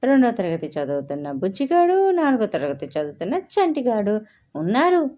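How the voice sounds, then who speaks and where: A woman's voice: wildly swooping pitch, moderate pace. A woman voicing a naive young village wife. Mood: innocent. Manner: innocent, plaintive, high-pitched pleading. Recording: dull lo-fi recording.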